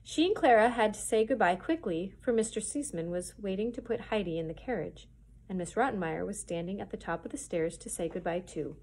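A children's librarian reading a chapter book aloud in a clear, expressive storytelling manner. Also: female voice, mid-range voice, brisk, slight background noise.

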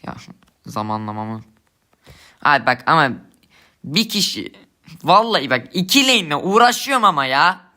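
A man's voice: high-pitched, sing-song, brisk, bright, forceful tone. A young man giving angry gameplay commentary, swearing and ranting at his teammates in frustration. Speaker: gamer streamer.

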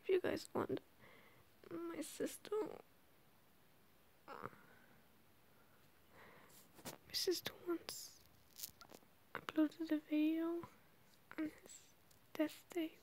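A teenage girl vlogging late at night, whispering through tears in halting, hesitant bursts. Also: extremely high pitch, little pitch movement, a little mellow, a little hiss or hum, low-quality recording. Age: teens. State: crying.

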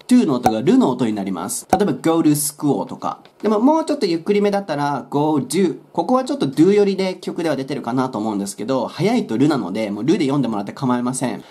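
A man's voice: fairly high pitch, dark tone. A man explaining English song lyric pronunciation in a friendly, explanatory way with playful asides.

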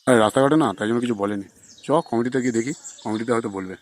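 A man's voice: mid-range voice, rapid-fire, lightly acted. A man voicing a weary, resigned male villager in a comedy cartoon, answering with a shrug. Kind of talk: cartoon voice acting.

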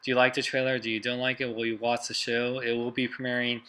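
A man's voice: medium pitch, completely flat delivery, fast talker, bright, forceful tone. A man hosting an entertainment news video, commenting in an informal, somewhat hesitant way.

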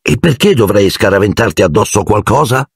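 A man voicing a calm, reasonable young wizard hero in a level voice. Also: on the low side, fairly quick, creaky, husky, no echo, studio quality, pitched above the performer's own voice, heavily acted.

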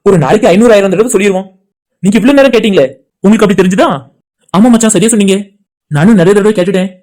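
Fast-talking high-voiced man voicing cartoon friends. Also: mellow. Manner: rapid, chatty everyday banter between friends. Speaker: cartoon channel creator voicing all characters. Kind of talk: cartoon dialogue voice acting.

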